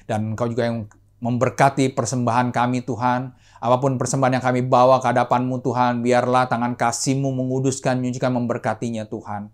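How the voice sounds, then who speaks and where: A male pastor delivering a sermon in a mid-pitched voice. He presses his points with lively emphasis, often addressing the congregation directly, and then moves into a softer, steady prayer. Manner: animated preaching, often adding "saudaraku" and "gitu".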